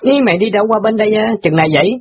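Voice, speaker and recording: A man's voice: high voice, very fast, breathy edge. A man voicing a cheeky, brash newspaper boy who teases his friend in an audiobook drama. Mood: teasing. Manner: brash, teasing banter. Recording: dull lo-fi audio.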